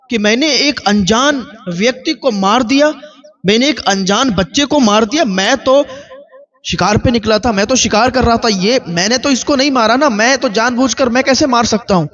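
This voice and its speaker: A man voicing a panicked young laborer. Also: a bit bright. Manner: pleading, pitched up. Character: distraught young male laborer working far from home. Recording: dull lo-fi recording.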